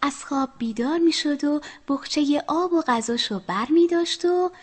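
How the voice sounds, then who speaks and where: A woman telling a children's story, speaking to the children and often dropping to a soft whisper. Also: high-pitched.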